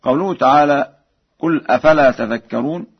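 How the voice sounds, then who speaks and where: A man explaining recitation variants in measured speech, then chanting the examples slowly and melodically, from an archival radio broadcast. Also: fairly high pitch, husky, highs cut off. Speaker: Quran recitation teacher.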